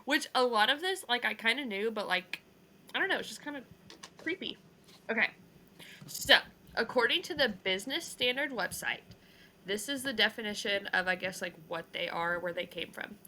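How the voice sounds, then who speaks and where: Bright, giggly young woman podcaster. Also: on the high side, animated, moderate pace, slight background noise. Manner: giggly, says "like" and "ew" a lot. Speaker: podcast co-host. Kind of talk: casual chat.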